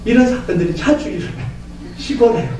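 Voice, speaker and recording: High-voiced, animated male pastor preaching. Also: fast. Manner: animated storytelling, often acting out voices. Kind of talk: sermon. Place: church sanctuary. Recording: echoey church from far off.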